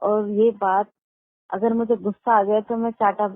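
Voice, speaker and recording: A middle-aged woman speaking over a thin, tinny phone line with a dry, close sound. She talks at length, emphatic and indignant, pressing each point hard. Her pitch sits in the middle range for a woman. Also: level tone, measured pace, no echo. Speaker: caller. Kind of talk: phone conversation.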